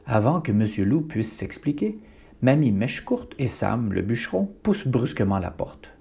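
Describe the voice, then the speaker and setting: A man reading a children's storybook aloud and announcing each speaker in a low aside. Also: very animated, moderate pace, gravelly, warm tone, husky. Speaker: storybook reader.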